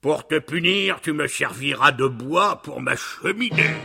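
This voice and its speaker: A man voicing a fat, frightening puppet master in a storybook, speaking with a gruff, stuffy ogre voice. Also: a little high, animated, a little slow, bright, forceful tone, voice pushed up, exaggerated voice. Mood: menacing. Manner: gruff, threatening.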